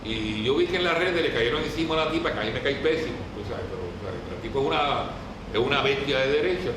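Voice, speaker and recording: In a very echoey room, captured by a distant mic with clear noise, a fast-talking man with a mid-range voice and lively intonation gives an informal history lesson. He is a lecturer with a Puerto Rican Caribbean Spanish accent, using colloquial language and often questioning the group.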